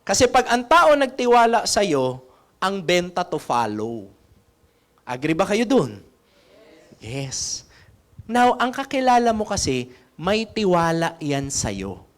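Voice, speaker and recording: A man with a notably high voice leads a sales training seminar. He coaches in a conversational way and keeps turning to the audience with questions to pull them in. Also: very animated, slow pace, long pauses. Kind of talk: seminar talk.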